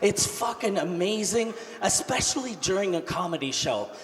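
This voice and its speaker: A man with a high, bouncing voice does crude stand-up, jumping from shouted punchlines to quiet muttered asides. He works a handheld mic on a big theater stage. The sound rings with a long hall reverb and steady crowd ambience. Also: normal speed. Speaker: stand-up comedian. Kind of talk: stand-up comedy set. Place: large theater at a comedy festival. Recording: live hall with reverb, audience noise.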